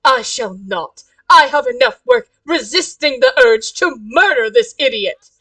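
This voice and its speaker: A woman's voice: fairly high pitch, lively intonation, measured pace, sharp tone, dry recording, recorded from a distance, full character voice, rough recording. A woman voicing a short-tempered monster student who speaks in an indignant, threatening way.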